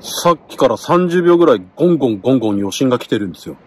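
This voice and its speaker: A middle-aged man talking casually to the camera from inside a parked car, getting excited while he eats. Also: medium pitch, racing, a little hiss or hum. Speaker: vlogger. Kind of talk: casual car-camping vlog.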